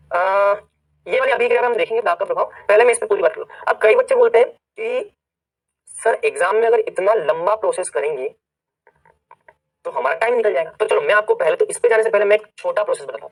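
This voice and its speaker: A man lectures on chemistry in a fairly high voice, slipping English science terms into his sentences. He repeats each step and keeps asking whether his students understand. The mic sits at some distance, so he sounds a little far off. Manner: keeps checking students follow, repeats key points; says words one by one slowly to stress a rule. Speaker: chemistry teacher.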